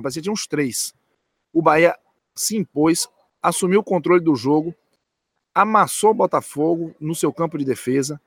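A man's voice: fairly high pitch, no echo, studio quality. A man giving post-match football analysis from a stadium's stands, speaking emphatically and repeating key points.

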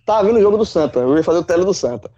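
A man, a football pundit in casual chat, animated, swearing and full of folksy analogies. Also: high voice, racing, lo-fi sound. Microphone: remote call.

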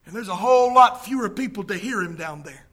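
A man preaching a sermon with dramatic delivery, rising to shouts and falling to near whispers. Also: high-pitched, lively intonation, a little fast. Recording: podcast sermon recording.

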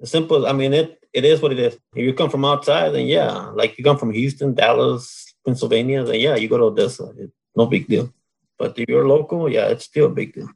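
Gravelly-voiced man from Mexico, plainspoken. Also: mid-range voice, a little fast, a little mellow, low-quality recording. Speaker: guest, oilfield solids control worker. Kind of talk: casual interview.

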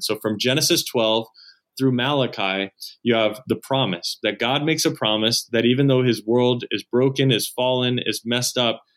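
A man's voice: mid-range voice, a bit bright. A man who leads at a church, a podcast guest explaining his ideas earnestly, step by step. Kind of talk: explanatory conversation.

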